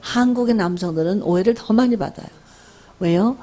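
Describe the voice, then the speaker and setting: An older woman giving a faith-based lecture, telling stories from her family life and asking the audience questions in an animated way. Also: medium pitch, a little fast. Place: workshop lecture room.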